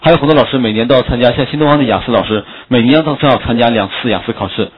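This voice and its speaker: A man's voice: mid-range voice, breathy edge, lo-fi sound. A man teaching English vocabulary in a classroom lecture, joking and asking his students questions. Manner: quick, joking, asks students questions often.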